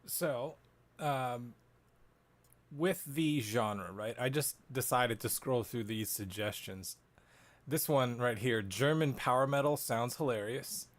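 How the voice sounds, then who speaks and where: A man's voice: mid-range voice, slow. A man co-hosting a podcast, easygoing and chatty, with hesitant restarts. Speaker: podcast co-host. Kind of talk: casual chat.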